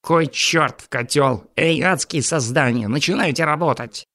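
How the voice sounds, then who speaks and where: A man's voice: mid-range voice, normal speed, natural voice. A man voicing a sarcastic, venomous talking skull who barks orders. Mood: commanding.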